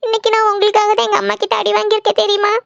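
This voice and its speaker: A squeaky, very high young cartoon woman who rattles off her words between sobs, as a voice actor plays her. The tone is gravelly underneath, and the sound is dull and lo-fi. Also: monotone, rapid-fire, fairly bright tone, no echo, full character voice. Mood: tearful. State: crying. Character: young woman in love, tearful and upset. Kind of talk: cartoon voice acting.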